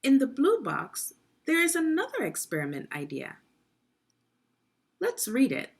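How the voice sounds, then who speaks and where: A slightly husky-voiced woman reads a children's science book aloud to young learners, leading the read-along like a teacher. She takes her time, and her pitch swings lively as she explains things and asks the listener questions.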